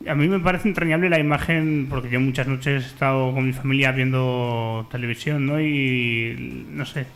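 A man co-hosting a radio show, talking in a relaxed, thoughtful way. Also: mid-range voice, normal speed. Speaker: radio co-host. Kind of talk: casual radio chat.

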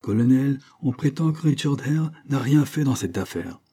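A man's voice: medium pitch, expressive, moderate pace, warm tone, breathy edge, voice pushed up. A man playing a polite, firm police officer. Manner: courteous but firm. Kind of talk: audiobook character reading.

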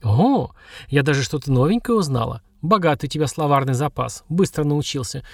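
A man's voice: fairly high pitch, lively intonation, brisk, vocal fry, dry recording, studio quality. A man voicing a stern old woman healer and witch who scolds brusquely. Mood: stern scolding.

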